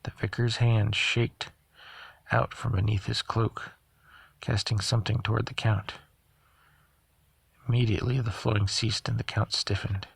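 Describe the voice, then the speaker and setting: Guy reading an audiobook, low husky voice, trips on a word now and then, dry close sound. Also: unhurried, long pauses, no echo. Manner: steady reading with occasional stumbles and self-corrections. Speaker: audiobook reader. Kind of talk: audiobook narration.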